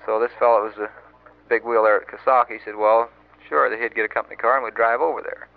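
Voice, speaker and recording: A young man, a Marine sergeant, telling a long story in a rambling, halting way on an old wire recording. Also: medium pitch, steady tone, vocal fry. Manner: rambling and halting, many fillers and restarts. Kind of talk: casual spoken letter, storytelling. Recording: muffled old wire recording with faint hiss.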